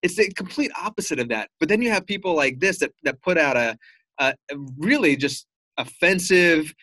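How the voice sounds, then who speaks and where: A man hosts a casual political podcast, his voice sitting a touch high and ringing bright and sharp. He talks heatedly and profanely, circling back and restarting his sentences as he goes. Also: lively intonation, normal speed, no echo. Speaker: podcast co-host.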